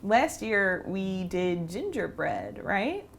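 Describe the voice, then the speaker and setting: A woman's voice: medium pitch, sing-song, takes it slowly, vocal fry. A woman with a New York accent co-hosting a casual podcast, tossing in playful jokes. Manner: playful, joking interjections. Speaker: podcast co-host. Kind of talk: casual chat.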